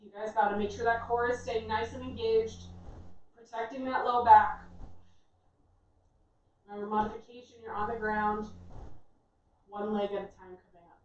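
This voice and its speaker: A woman's voice: on the high side, steady tone, moderate pace, long pauses, darkish tone. A woman fitness instructor giving workout instructions in an encouraging, reassuring way. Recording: echoey room, distant dull mic, faint noise.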